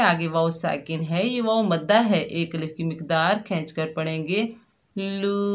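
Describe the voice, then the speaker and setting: A woman teaching Quran recitation in a slow, patient lesson, explaining each letter's sound and repeating it. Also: fairly low pitch. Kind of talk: slow step-by-step tajweed lesson.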